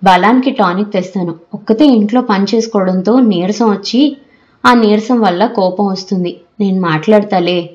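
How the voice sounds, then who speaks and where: A woman's voice: mid-range voice, normal speed, darkish tone, highs cut off, lightly acted. A woman reading the lines of a middle-aged husband and father who talks steadily and reasons with his family, in an audiobook. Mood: reasoning.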